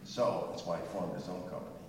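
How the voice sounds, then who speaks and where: An older man speaks quickly in a low voice, offering a chatty, digressive pre-concert talk on music history that includes asides and a few hummed bits of melody. He's recorded from far off in an echoey hall, and the background is noisy.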